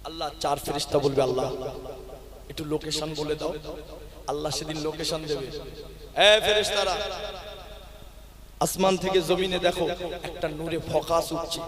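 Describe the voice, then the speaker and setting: A man preaching a sermon to a gathering, moving between loud sung chanting and quiet talk to the crowd. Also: on the high side, fairly even intonation, moderate pace, pauses often. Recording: echoey hall sound with a crowd.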